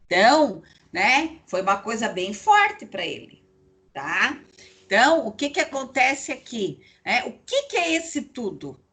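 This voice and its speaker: A middle-aged woman lectures an online psychology class in a bright, sharp voice with a breathy edge. She talks in a chatty way and keeps checking in with her listeners through tag questions. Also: fairly high pitch, sing-song, measured pace. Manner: chatty, tag questions, addresses students warmly. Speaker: psychology teacher.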